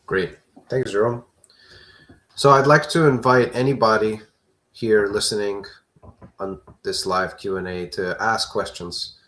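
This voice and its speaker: A man hosting a live question-and-answer stream, talking in a relaxed, conversational way. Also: on the low side, unhurried. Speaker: host.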